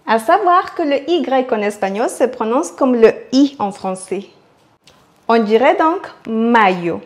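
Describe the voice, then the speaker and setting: A woman giving a scripted language lesson, slowly sounding out words and repeating them for practice. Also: a little high. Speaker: Spanish teacher.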